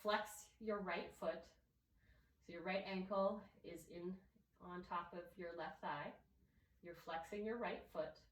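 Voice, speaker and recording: A woman with a nasal voice from allergies, calmly guiding a yoga class step by step. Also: on the low side, roomy sound, recorded from a distance, slight background noise, rough recording. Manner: calm, gentle step-by-step cueing. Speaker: yoga instructor. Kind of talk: guided yoga class instruction.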